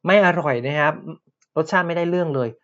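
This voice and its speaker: A man teaching Japanese words in a podcast lesson, explaining patiently and repeating each word slowly. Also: a little high, steady tone, a bit bright, lo-fi sound.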